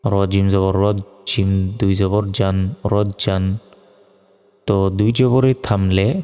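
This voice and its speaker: A man with a low, steady voice teaches recitation, spelling letters slowly and chanting verses. His tone is smooth and clear. The room rings with a long reverb, and soft music plays faintly behind him. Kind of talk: religious lesson with spelled-out recitation.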